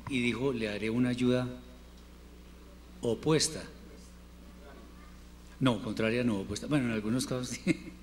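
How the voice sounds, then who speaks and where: A man leads a classroom lesson at an unhurried pace. He repeats each word form carefully for his students. His voice carries a long room reverb over a faint hiss. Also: medium pitch, fairly even intonation. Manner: patient, repeats words slowly for students. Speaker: Hebrew teacher.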